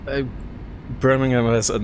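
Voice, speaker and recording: Driving along, a Czech man keeps up a relaxed stream of casual talk, often chuckling and trailing off mid-thought. His voice is medium-pitched and moderately paced, and the recording carries constant car and road noise.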